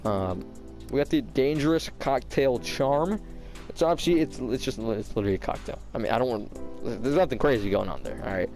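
A man's voice: medium pitch, animated, fairly quick, darkish tone, soft background music. A young man doing casual, slangy video game commentary, with a slight lisp from tightened braces. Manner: informal slangy bro-style talk. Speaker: gaming YouTuber.

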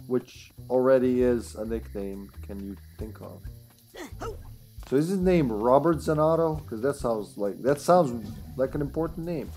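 A man's voice: medium pitch, a little mellow. Rambling, joking man streaming a game. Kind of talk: casual gameplay commentary. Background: faint game music.

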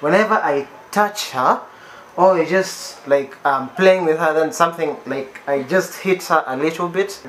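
A man's voice: a little high, measured pace, fairly bright tone, a little hiss or hum, rough recording. A man, co-hosting a casual couple's vlog, joking and laid-back. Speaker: vlog co-host. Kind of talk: casual chat.

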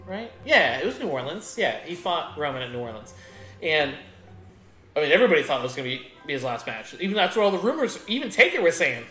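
Rambling chatty gamer guy, bright voice. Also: a little high, big pitch swings, quick pace. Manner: rambling, chatty storytelling with many restarts. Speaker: gaming streamer. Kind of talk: casual chat while playing a video game. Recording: echoey room with faint game music.

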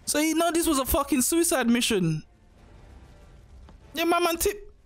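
Young male reactor, higher-pitched, loose, sweary and repetitive delivery. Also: lively intonation, moderate pace, faint music behind. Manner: slangy, profane, repeats himself often. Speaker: anime reaction host. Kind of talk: casual reaction commentary.

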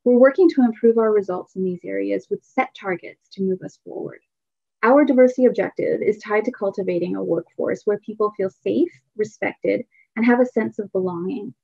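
A woman giving a keynote speech, reading a prepared presentation in a measured, formal way. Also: medium pitch, creaky, darkish tone, no room sound, lo-fi sound. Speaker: keynote speaker.

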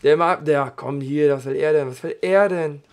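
A slightly hoarse man giving casual, slangy let's play commentary while he plays, chatting loosely between moves. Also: fairly high pitch, normal speed. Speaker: gaming channel host.

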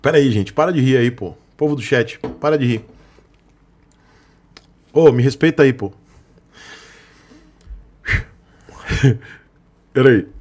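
A man's voice: mid-range voice, slow, long pauses, a little mellow. A man with a Brazilian Portuguese accent, ranting sarcastically and joking with his live-stream chat. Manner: sarcastic, joking, with frequent chuckles. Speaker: motorcycle vlogger on a live stream. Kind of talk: casual live-stream rant.

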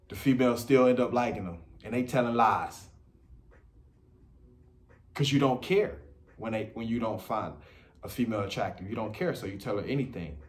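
A man talks straight to the camera, handing out blunt dating advice. He talks in casual slang, circles back to the same points, and keeps his voice at a middle pitch. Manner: blunt, repetitive, street slang. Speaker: dating commentator.

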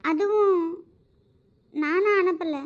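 A woman voicing a high, pleading cartoon mother. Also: extremely slow, muffled recording, exaggerated voice. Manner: pleading, soothing, anxious. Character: worried pleading wife and mother.

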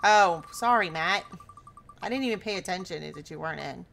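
A woman's voice: fairly low pitch, animated, normal speed, vocal fry, a bit bright, slight background noise. A woman hosting a live stream in a chatty, teasing way, laughing often as she talks to her viewers. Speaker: live-stream host running a card pack battle. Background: faint background music.

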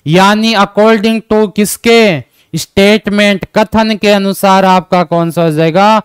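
A man's voice: sits high, steady tone, takes it slowly, clean tone, no echo, clean studio sound. A man teaching an exam-prep lesson with an Indian accent, asking and answering his own questions and repeating each point in English.

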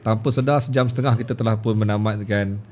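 A man's voice: lowish voice, fairly even intonation, fast, darkish tone, a little hiss or hum. A male host from Malaysia wrapping up a live stream, thanking his guest with frequent repetitions and stammered restarts. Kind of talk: casual live stream hosting.

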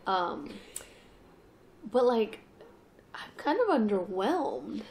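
A woman's voice: mid-range voice, very animated, drawn-out words, a little mellow. Congested woman, stuffy cold voice, food review co-host, frank, skeptical. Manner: frank, skeptical, lots of fillers. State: congested, under the weather. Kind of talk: casual chat.

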